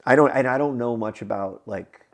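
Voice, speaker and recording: Man, podcast co-host, gravelly voice, rambling with fillers, laid-back chat. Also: medium pitch, fairly quick. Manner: rambling, hedging with fillers, animated when ranting. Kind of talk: casual chat.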